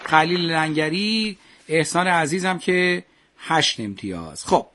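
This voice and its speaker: A man's voice: on the high side, expressive, pushed and bright, no echo, some chatter behind. A man hosting a radio quiz show, playful and teasing with the contestants.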